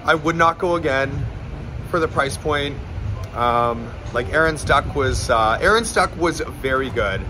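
A man's voice: medium pitch, animated, a little slow, background noise. A young man vlogging a restaurant review, chatting candidly and jokingly, swearing freely, filmed on a phone at arm's length. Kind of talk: casual chat. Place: upscale restaurant, then city street outdoors. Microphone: phone held at arm's length. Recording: background music and crowd chatter.

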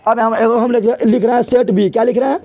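In a classroom math lesson, a man with a very high, steady, dark-toned voice quizzes his students over and over. His delivery has a lilt, and he counts slowly, stretching out each number.

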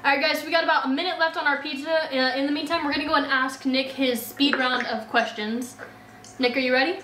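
A woman's voice: high voice, fairly even intonation, fast talker, pushed and bright. A young woman hosting a casual cooking video, chatting and giving updates on her progress. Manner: chatty, giggly, keeps updating viewers. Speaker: host. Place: home kitchen. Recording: echoey kitchen with faint noise.

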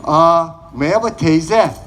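A man's voice: fairly high pitch, takes it slowly, music in the background, pitched below the performer's own voice. A man voicing a cheeky, naive little boy in a shadow puppet show, teasing innocently. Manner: playful, innocently mischievous.

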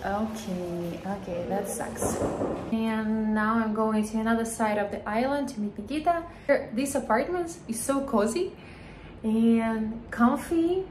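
A woman vlogger narrating her day in relaxed, chatty, slightly broken English over loud music. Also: on the high side, a little slow, background noise. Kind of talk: casual vlog narration.

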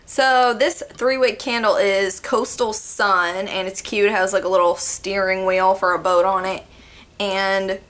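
Bright-voiced chatty young woman. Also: medium pitch, steady tone, measured pace, slight background noise. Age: young adult. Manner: chatty, rambling, lots of "like" and "yeah". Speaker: beauty vlogger. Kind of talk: casual haul vlog. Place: small bedroom indoors. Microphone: webcam in front of her.

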